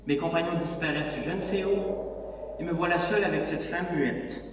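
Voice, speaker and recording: A man's voice: a little high, normal speed, noisy background, natural voice. An actor playing a sardonic, grumbling starship doctor stranded far from his ship in an audio drama. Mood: exasperated. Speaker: ship's doctor. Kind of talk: French audio drama acting. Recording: distant, cavernous reverb, music underneath.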